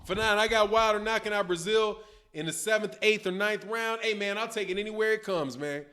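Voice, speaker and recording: Brisk and forceful, the high, bright voice of a middle-aged Chicago man carries a boxing livestream, with slight background noise behind it. He reads viewer comments in slangy, easygoing chat from his desk in a dim room at home, captured by a webcam.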